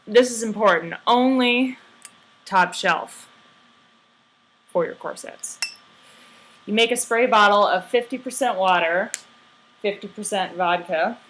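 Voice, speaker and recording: A woman giving a casual how-to vlog in a hungover, sluggish, halting way, with dry tongue-in-cheek delivery. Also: lowish voice, fairly bright tone, slight background noise, poor audio. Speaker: vlogger giving garment care tips. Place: indoors.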